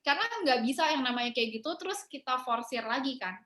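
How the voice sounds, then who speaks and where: Bright, high-voiced young woman. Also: fast, roomy sound, a little hiss or hum. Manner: relaxed, mixing in English phrases, laughing often. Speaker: guest. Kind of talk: casual interview chat.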